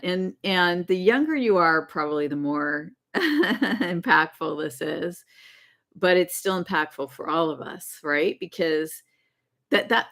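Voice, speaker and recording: A woman with a low-pitched voice hosts a casual spiritual livestream. She rambles from thought to thought, corrects herself mid-sentence and laughs often. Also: fairly bright tone. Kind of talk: casual live-stream talk.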